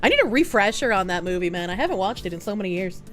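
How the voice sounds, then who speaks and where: A woman live streamer chatting casually, with playful swearing and the gushing, exclamatory manner of an excited anime fan. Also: medium pitch, racing, faint music behind.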